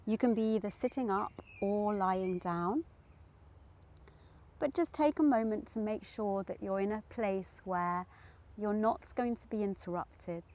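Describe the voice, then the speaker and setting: Speaking at medium pitch, a woman leads a soothing guided meditation, letting long silences fall between her brief, deliberate phrases.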